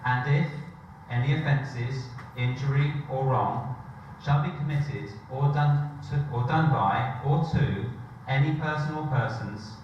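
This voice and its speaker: A man's voice: mid-range voice, measured pace, hardly any pauses, a little hiss or hum. A man reading a formal proclamation in a town crier's stately, declamatory manner, heard from far off in an echoey room. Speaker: official reading the Mayor's proclamation. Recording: echoey hall from far off, dull.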